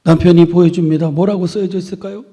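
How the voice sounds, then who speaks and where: A male pastor preaching a sermon to his congregation in a church, building phrases up with emphasis and letting them fall soft at the ends. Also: sits high, steady tone, fast, slightly rough. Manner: earnest preaching with swelling emphasis and soft trailing endings. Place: church sanctuary. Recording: long reverb of a church hall.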